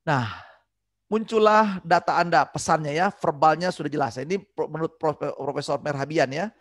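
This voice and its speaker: A man giving an online business communication training, energetic and acting out customer replies. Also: on the high side, normal speed, no room sound.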